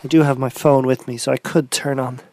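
A man murmurs and sometimes whispers as he crawls through a dark cave passage. His voice has a cramped, boxed-in cave echo. He holds the microphone in his hand, and his voice sits in a middle register. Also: mid-range voice, little pitch movement, brisk. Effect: close, boxed-in cave echo. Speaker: radio documentary presenter. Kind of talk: hushed first-person exploration narration. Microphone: handheld microphone.

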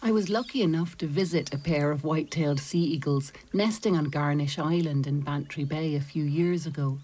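A woman reading scripted nature documentary narration in a measured, storytelling way with deliberate pauses. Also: deep voice, dark tone.

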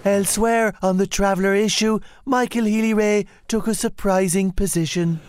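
A man playing a dry, deadpan news reporter. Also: high voice, moderate pace, clean tone, no room sound, lightly acted.

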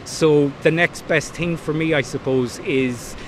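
West of ireland guy explaining stuff in an interview, voice a bit high, faint noise outside. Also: unhurried. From Blacksod Bay, County Mayo, Ireland. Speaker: founder of a maritime heritage company. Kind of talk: interview talk, explaining plans. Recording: faint outdoor background noise.

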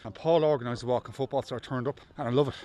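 A man's voice: medium pitch, very fast. Breathless Irish man in his fifties. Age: 50s. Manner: enthusiastic, animated. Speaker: teacher and amateur player. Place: outdoor park.

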